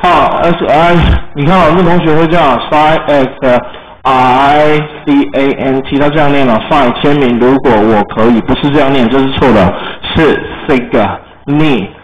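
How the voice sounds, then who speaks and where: A man's voice: medium pitch, normal speed, hardly any pauses. Man teaching English, spelling words aloud. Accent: Taiwanese Mandarin. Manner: spells words letter by letter, explains in Chinese. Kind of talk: classroom lesson. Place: classroom. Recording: roomy, muffled classroom recording with faint noise.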